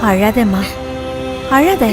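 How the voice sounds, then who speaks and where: A middle-aged woman dubbing a mother who gently soothes her crying daughter. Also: on the high side, sing-song, slow, loud music behind the voice. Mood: soothing. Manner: soothing, tender. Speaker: dubbing actress. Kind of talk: dubbed film acting.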